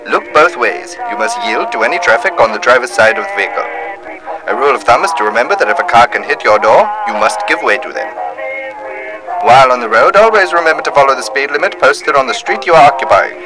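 A man's voice: medium pitch, lively intonation, fast, rough recording. A man presenting a scripted 1930s-style instructional film as narrator, with a formal, old-time announcer delivery. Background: music.

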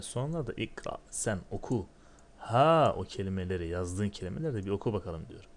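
Male teacher, low-pitched, walks through a textbook lesson with rhetorical questions and slow sounded-out words. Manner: asks himself questions then answers, reads words slowly. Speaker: Arabic teacher.

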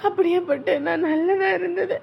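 A woman's voice: very high voice, fairly even intonation, normal speed, gravelly, muffled recording, a little hiss or hum. A woman playing a wronged young wife, complaining in a tearful, accusing voice in a family drama. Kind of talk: melodramatic web-series acting.

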